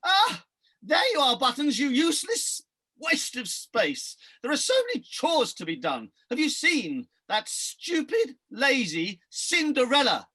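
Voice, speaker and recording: A woman playing a vain, bossy, sneering pantomime stepsister, with a haughty, theatrical, raspy delivery. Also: sits high, huge pitch swings, unhurried, pushed and bright, full character voice. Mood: haughty scolding. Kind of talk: broad pantomime acting.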